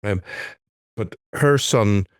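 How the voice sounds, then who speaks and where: A middle-aged man, co-hosting a casual podcast in an easygoing, halting way. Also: fairly low pitch, no room sound, clean studio sound. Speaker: podcast co-host. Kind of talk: casual chat.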